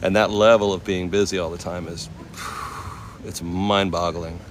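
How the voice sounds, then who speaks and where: With a deep, fairly evenly intoned voice and an unhurried pace, this forty-something chef and livestreamer from the US West Coast casually tells stories to live viewers. He uses easygoing slang as he walks outside in a temple complex, amid noisy ambience and traffic going by.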